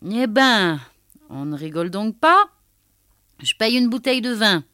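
A boisterous young soldier, acted out by a woman, bellows and jeers with gleeful force. His shouts climb high and loud over a dry, close reading. A storybook figure full of rough cheer. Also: big pitch swings, slow pace, dry recording, full character voice. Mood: jovial.

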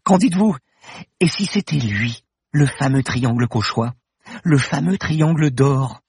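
A man reading an audiobook and voicing an eager, excitable young woman student who loves solving riddles. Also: medium pitch, measured pace, slightly rough, no room sound, studio quality, voice pushed up. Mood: excited. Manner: excited, insistent, rising. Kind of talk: audiobook character voice.

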